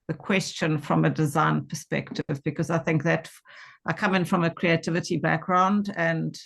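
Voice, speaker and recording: Low, creaky-voiced woman reflecting aloud. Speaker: workshop participant and research student. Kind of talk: reflective conversational sharing.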